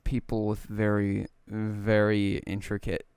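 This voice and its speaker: A man's voice: fairly low pitch, completely flat delivery, takes it slowly, a little mellow, clean tone, no room sound. A young man co-hosting a casual podcast, rambling with lots of fillers and crude jokes. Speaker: podcast co-host. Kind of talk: casual chat.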